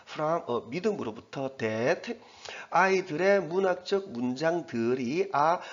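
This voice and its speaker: A man's voice: a little high, dull audio. A man teaching English grammar in Korean, explaining step by step and slipping English terms into his explanations. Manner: explains step by step, pointing at the text on the board. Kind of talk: recorded exam-prep lecture.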